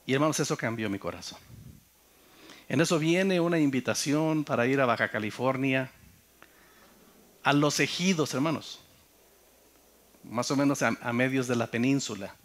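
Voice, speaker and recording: A middle-aged man with a Mexican accent, a pastor telling his testimony in a sermon, swinging between loud and hushed. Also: medium pitch. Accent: Mexican Spanish.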